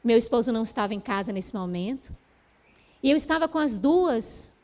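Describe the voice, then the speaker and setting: A middle-aged woman gives a heartfelt spiritual talk in a gentle, fairly high voice. She tells her story unhurriedly, pausing between phrases. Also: lively intonation. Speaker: spiritual speaker.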